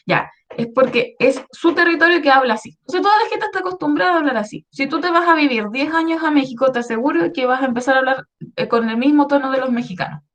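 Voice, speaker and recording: A woman's voice: sits high, a bit bright. A woman with a Chilean accent, a history teacher explaining a lesson to schoolchildren in an online class, often checking they follow. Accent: Chilean Spanish. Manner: patient, explaining with many checks like "¿ya?".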